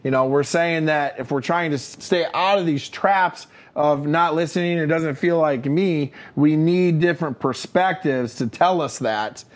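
A man's voice: a little high, measured pace, hardly any pauses. Male podcast co-host, emphatic coaching delivery, lots of "right?" check-ins, casual. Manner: energetic, emphatic, lots of fillers and "right?" tags. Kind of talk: casual leadership podcast chat.

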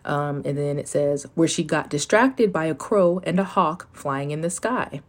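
A woman's voice: deep voice, unhurried. An American woman talking candidly and informally, with rambling asides and some swearing, as she reads journal notes and comments on them. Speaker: host telling of a spiritual awakening. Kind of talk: casual solo chat, reading journal entries aloud.

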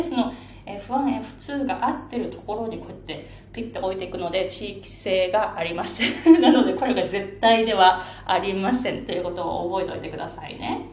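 A woman pronunciation coach explaining a chart in a patient, lively way, with many fillers and English phrases dropped into her talk. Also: medium pitch. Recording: echoey room, faint background noise.

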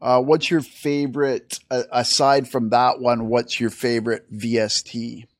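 A man hosting an interview, asking quick questions and answering with upbeat praise. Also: mid-range voice, little pitch movement, no echo, studio quality. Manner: upbeat, affirming. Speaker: interview host.

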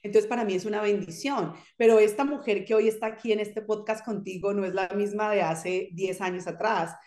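A woman's voice: mid-range voice, brisk, a little mellow, roomy sound. A Colombian woman with a Colombian accent, a podcast guest talking in a casual interview, upbeat, emphatic and reflective.

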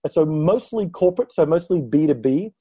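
A man who grew up in Malaysia, a guest on a podcast, telling his career story in a relaxed way. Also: on the high side, normal speed, husky, dry recording. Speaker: guest speaker. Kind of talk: interview conversation.

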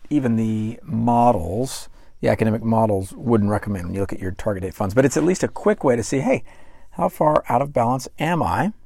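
A man hosts a finance podcast in a conversational way, reading news articles and quotes aloud and speaking straight to the listener. His medium-pitched voice is gravelly and a little mellow, on a dry, studio-quality recording.

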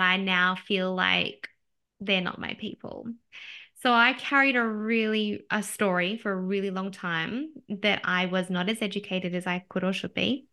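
A woman's voice: mid-range voice, sharp tone. A woman in her thirties, a podcast host sitting as the guest, talking candidly and laughing often at herself in a conversational interview.

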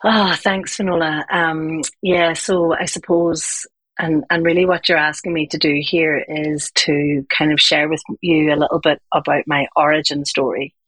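A woman talks as a guest in a conversational, reflective style. Her voice is low and husky, and she explains things as a coach would. The sound is very dry, with no room around it. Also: flat delivery, normal speed, a bit bright, no room sound. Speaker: interview guest, communication coach.

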